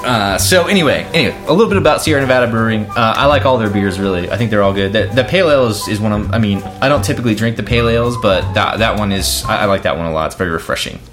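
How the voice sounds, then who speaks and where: A man's voice: fairly low pitch, expressive, racing, hardly any pauses, music in the background. A man co-hosting a casual podcast, tasting and rating beers, talking in a rambling, hesitant way with many restarts. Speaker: podcast co-host. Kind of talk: casual beer-tasting chat.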